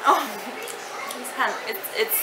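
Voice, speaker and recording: A woman's voice: on the high side, slow. A young woman in casual, giggly, teasing banter as she reacts to eating gross jelly beans. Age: young adult. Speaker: challenge vlogger. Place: home kitchen area, indoors. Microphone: camera or webcam at arm's length. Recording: roomy, noisy home camera audio.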